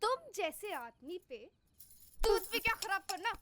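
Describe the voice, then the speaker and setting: A woman's voice: very high-pitched, sing-song, unhurried, heavy background noise, heavily acted. An actress playing a fed-up young wife who scolds her husband and storms out. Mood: contemptuous. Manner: indignant, scolding. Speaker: wife in a dream.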